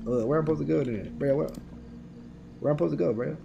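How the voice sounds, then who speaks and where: A young man streaming live game commentary from home, excitable and chatty with lots of slang. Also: fairly high pitch, quick pace, vocal fry, highs cut off, slight background noise.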